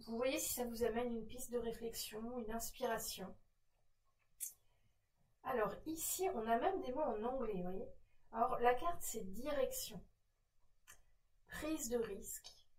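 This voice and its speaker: A woman's voice: on the high side, far from the mic. Encouraging woman reading tarot in a roomy echo. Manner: encouraging, speaks directly to the listener. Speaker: cartomancer. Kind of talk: casual tarot card reading to viewers.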